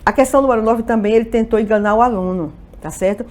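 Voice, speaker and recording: A woman's voice: fairly high pitch, quick pace, a little mellow. A woman walks through exam questions as a Portuguese teacher. She asks questions aloud and answers them herself, and keeps checking that her students follow along. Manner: checks in often with "ok?" and "tá vendo?". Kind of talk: exam-review lesson.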